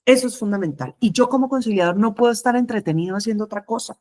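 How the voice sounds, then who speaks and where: Her voice sits on the high side and is a little mellow as this middle-aged woman teaches trainee conciliators. The lecture is measured and explanatory, with points listed one by one.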